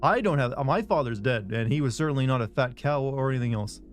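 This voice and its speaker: A regular-guy game streamer with a mid-range voice talks fast and expressively. He rambles through a casual live-stream chat, reading out viewer messages and cracking self-deprecating jokes, while faint music plays underneath.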